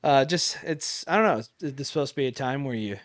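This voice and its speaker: A man's voice: mid-range voice, lively intonation, fairly quick, dry recording, studio quality. A man co-hosting a casual podcast, talking in a rambling way with many fillers and restarts. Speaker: podcast co-host. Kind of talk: casual chat.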